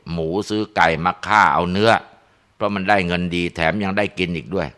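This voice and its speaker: Deep, bright-toned male storyteller. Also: brisk, smooth. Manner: relaxed, with frequent tag particles and filler sounds. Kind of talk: spoken ghost story narration.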